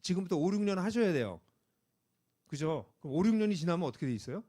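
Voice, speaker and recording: A middle-aged man preaching a sermon as pastor, telling stories with lively energy and building to emphatic exhortation. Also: sits high, quick pace. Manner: animated storytelling, rising to emphatic exhortation. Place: church sanctuary.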